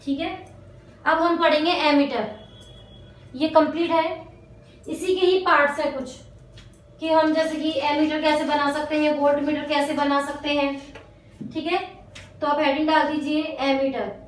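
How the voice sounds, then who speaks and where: A woman with an Indian accent teaching physics to a class, dictating notes slowly in English and repeating each phrase before explaining it. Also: high-pitched, steady tone. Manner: addresses students as "beta". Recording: echoey room from far off.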